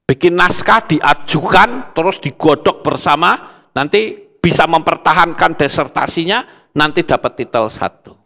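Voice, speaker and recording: A man's voice: fairly high pitch, animated, measured pace, gravelly, pushed and bright. A man preaching a sermon, telling a story to his congregation and often calling them "saudara". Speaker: pastor. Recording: long hall reverb.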